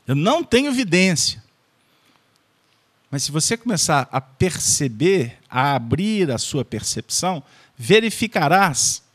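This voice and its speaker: Man, Brazilian accent, study group lecturer, playful, engages the audience, animated pitch, slightly high voice. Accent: Brazilian Portuguese. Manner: playful, joking, checks in with the audience. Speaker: spiritist study group presenter.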